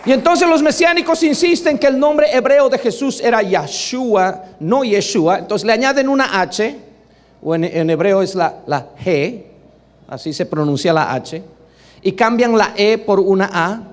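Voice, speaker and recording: A man preaching a sermon with a high, bright voice. He is emphatic and keeps asking the congregation for agreement. His delivery swings between quiet asides and loud exclamations. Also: animated, a little slow. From Latin America.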